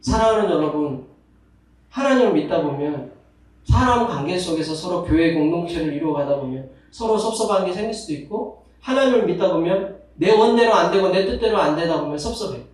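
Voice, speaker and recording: A male pastor preaching a Sunday sermon, lively, acting out whining voices to make his points. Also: high-pitched, brisk. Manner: animated, acts out complaining voices with sighs. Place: church sanctuary. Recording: echoey sanctuary from far off.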